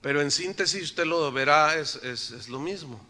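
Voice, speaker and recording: Joking preacher, high bright voice. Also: male voice, moderate pace. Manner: joking, asks the congregation rhetorical questions. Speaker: pastor. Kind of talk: sermon. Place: church, in front of a congregation.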